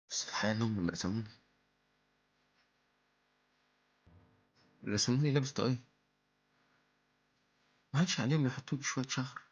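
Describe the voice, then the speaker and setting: An actor playing a melancholy toy in a plaintive, hammy theatrical stage monologue, with an Egyptian accent. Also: male voice, mid-range voice, dull audio, natural voice. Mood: confiding sadness. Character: melancholy male toy lamenting its lifeless painted existence.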